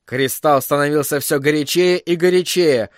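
A man reading a fantasy story aloud in a measured, even storyteller's voice. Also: fairly high pitch, no room sound, clean studio sound. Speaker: audiobook narrator. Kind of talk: scripted storybook narration.

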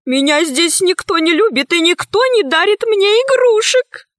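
A woman's voice: extremely high pitch, lively intonation, normal speed, fairly bright tone, no echo, clean studio sound, voice pushed up. A woman voicing a plump, childish old woman, a former heiress who talks in a gushing, whiny way. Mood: ecstatic, tearful. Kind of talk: storybook reading.

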